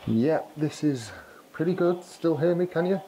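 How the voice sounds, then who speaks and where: In an unhurried, warm voice of fairly high pitch, a man gives easygoing running commentary as he films himself trying out walkie-talkies indoors. He's a vlogger walking the corridors of a residential building, and the audio is poor, with clear background noise.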